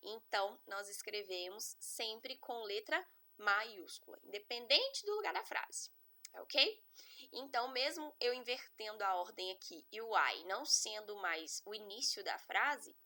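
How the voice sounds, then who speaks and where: A woman's voice: medium pitch, animated, a little slow, bright, forceful tone. A woman, teaching English grammar in an online lesson, explaining step by step and often checking in with her students. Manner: patient, step-by-step explaining with frequent check-ins.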